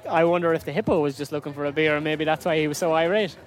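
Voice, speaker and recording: Easygoing man, slightly higher voice. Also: steady tone, racing. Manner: easygoing and playful. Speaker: travel vlog co-host. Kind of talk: casual travel chat. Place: outdoors on a river boat.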